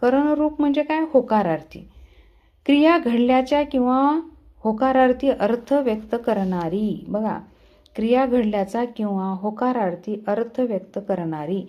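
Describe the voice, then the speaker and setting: A woman teaches grammar in a fairly high voice, explaining patiently step by step. She puts questions to the class and answers them herself. The recording sounds dull and lo-fi. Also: normal speed. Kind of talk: grammar lesson.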